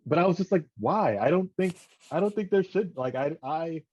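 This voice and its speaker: A man in casual podcast chat, talking in an animated, rambling way with many restarts. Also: on the high side, a little fast, dry recording. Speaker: podcast co-host. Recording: dull lo-fi dry sound.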